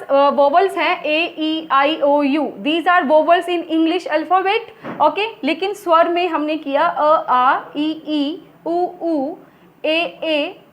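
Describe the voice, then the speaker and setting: Very high-voiced woman teaching grammar. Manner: explains step by step, asks and answers own questions. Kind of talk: grammar lesson in Hindi and English.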